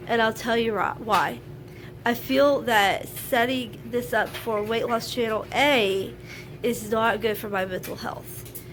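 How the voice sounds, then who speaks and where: Sounding stuffed up from a sinus infection, a woman vlogs casually to camera from home, sharing her opinions openly with the laundry going. Her voice sits a little high, and there's background noise.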